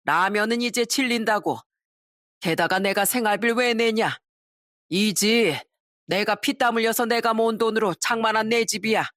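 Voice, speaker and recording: A woman's voice: fairly high pitch, normal speed, fairly bright tone, dry recording, voice pushed up, natural voice. Casting: woman playing a nasty old man in his 60s, scornful, bullying, drunken rants, dry close sound. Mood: contemptuous. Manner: scornful, belittling, drunken ranting. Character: selfish abusive old father-in-law, man in his 60s.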